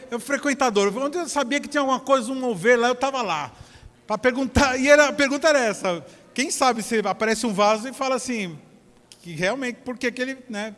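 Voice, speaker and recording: A man with a Brazilian Portuguese accent delivers a sermon in a high-pitched voice. He tells his stories with animation, swinging from near-shouts to soft asides. The church hall rings with long reverb behind him. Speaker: pastor. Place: church service.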